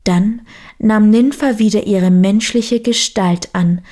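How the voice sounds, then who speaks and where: Slow, deliberate woman telling a fairy tale. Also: mid-range voice, dark tone. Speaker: storyteller. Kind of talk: storybook narration.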